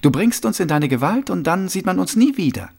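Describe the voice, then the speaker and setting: A man voices an earnest young revolutionary who suspects a trick behind everything. The voice is raised and pushy, with a husky, gravelly texture. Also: high voice, very animated, brisk, darkish tone, voice pushed up, exaggerated voice. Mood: insistent. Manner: suspicious, insistent. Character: zealous young male revolutionary, Reg.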